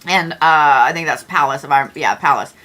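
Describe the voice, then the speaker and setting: A woman's voice: sits low, moderate pace, pushed and bright. A middle-aged woman hosting an astrology livestream, chatting casually and joking with viewers, with the odd swear word.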